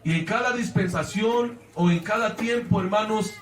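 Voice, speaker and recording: A pastor with a Mexican Spanish accent preaches a sermon, earnestly calling out to his congregation and often addressing them as brothers. His voice is high-pitched at normal speed, recorded from a distance in an echoey church.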